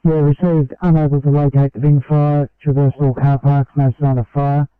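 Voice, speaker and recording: Radio dispatcher over walkie-talkie. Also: male voice, a little high, little pitch movement, moderate pace, dry recording. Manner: crisp read-backs of messages. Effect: heard over a walkie-talkie radio. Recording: narrow phone-like radio sound.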